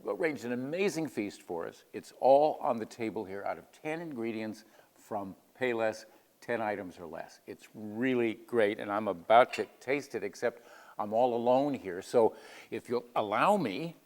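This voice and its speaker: A man's voice: on the low side, expressive, normal speed, in a large hall. A man co-hosting a cooking show as the comic, joking in mock-formal announcer patter while tasting food. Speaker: comic co-host. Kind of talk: playful cooking-show banter.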